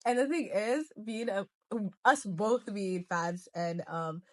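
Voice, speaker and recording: A woman's voice: medium pitch, expressive, slow pace. A young woman co-hosting a casual podcast, rambling and laughing as she chats. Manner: giggly, reactive, rambling. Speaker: podcast co-host. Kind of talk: casual chat.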